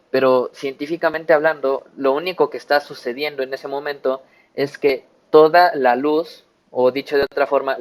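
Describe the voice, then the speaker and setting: Reflective Mexican man, informal explanation. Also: a little high. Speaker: panel speaker in a philosophy discussion.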